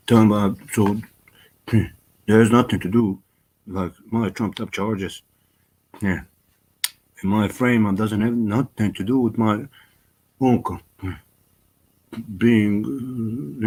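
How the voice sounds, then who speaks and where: A man's voice: lowish voice, darkish tone, poor audio. A man talking in a rambling personal vlog, full of fillers, restarts and frequent swearing.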